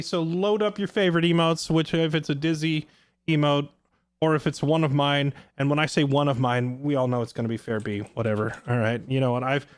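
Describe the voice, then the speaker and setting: A tired man chatting casually on his live stream, sarcastic and self-deprecating. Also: on the high side.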